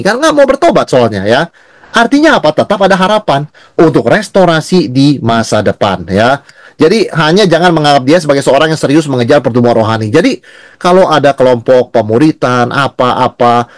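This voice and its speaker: Lively, higher-voiced male pastor teaching. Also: no room sound, studio quality. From Indonesia. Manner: conversational, asks and answers his own questions. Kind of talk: Bible study teaching.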